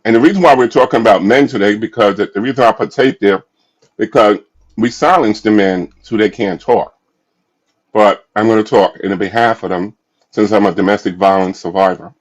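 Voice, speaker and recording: Ein Mann mit sehr tiefer Stimme spricht leidenschaftlich als Aufklärer über häusliche Gewalt, mit stockendem, sich wiederholendem Nachdruck. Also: male voice, lowish voice. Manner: emphatic, repetitive, halting. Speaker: domestic violence awareness speaker. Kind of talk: impassioned spoken storytelling.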